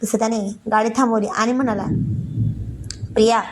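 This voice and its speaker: A woman narrating a story in a plain, steady storytelling manner. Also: fairly high pitch, moderate pace, a little hiss or hum.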